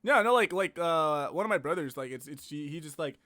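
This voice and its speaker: A young man chatting casually as co-host of a livestream, laid-back and full of fillers. His voice is bright and a little high. The sound is dry and close. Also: lively intonation, a little fast, no room sound. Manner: laid-back, filler-heavy, laughs loudly. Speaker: stream co-host. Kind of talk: casual chat.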